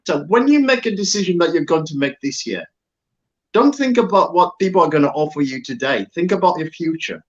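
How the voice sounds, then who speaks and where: Earnest guy urging people to vote, voice a bit high, dull lo-fi audio. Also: lively intonation, brisk. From Zambia. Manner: earnest, emphatic, repeats phrases. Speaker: guest. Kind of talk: political appeal on an online talk show.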